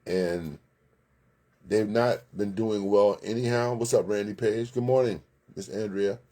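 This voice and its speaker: Chatty opinionated sports host. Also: male voice, fairly low pitch, fairly even intonation, unhurried, dark tone. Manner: chatty, opinionated, greets viewers by name. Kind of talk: casual live sports commentary.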